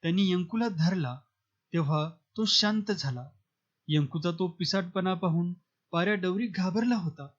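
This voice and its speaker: A man narrating a novel in a steady, measured storytelling manner. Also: sits high, muffled recording. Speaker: audiobook narrator. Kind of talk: novel reading.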